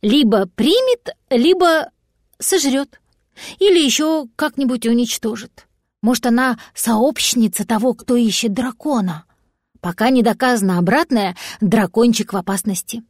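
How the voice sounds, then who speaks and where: A woman narrating a children's storybook aloud with gentle expressive telling. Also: a little high, moderate pace, no room sound, studio quality. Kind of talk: audiobook storytelling.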